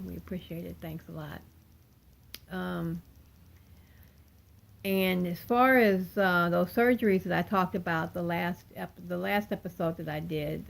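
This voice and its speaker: This older cross-stitch vlogger talks to her viewers in a soft, toothless manner, dentures out, offering a casual update that rambles and apologizes. Her lowish voice is creaky, and a little hiss or hum sits in the recording.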